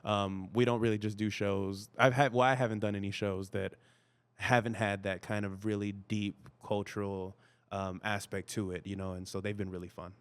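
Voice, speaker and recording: A Spanish-speaking actor from the United States chats easily as a guest in a casual interview, using lots of "you know" fillers. His voice is fairly low, clear and resonant, with a flat delivery at a moderate pace.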